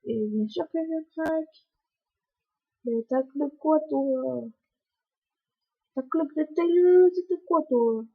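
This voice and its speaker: A woman's voice: high voice, slow pace, vocal fry, long pauses, phone-quality sound. A young woman with a sore, coughing throat, chatting casually to viewers at home as she plays a game, often stammering and repeating words. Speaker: gaming video creator. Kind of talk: casual gameplay commentary.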